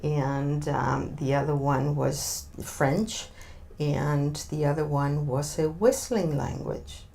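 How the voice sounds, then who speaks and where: Slow, thoughtful Argentine woman. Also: low voice, steady tone, creaky, warm tone, a little hiss or hum. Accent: Argentine Spanish. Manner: thoughtful, many filler sounds, searching for words. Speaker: interview guest. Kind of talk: interview answers.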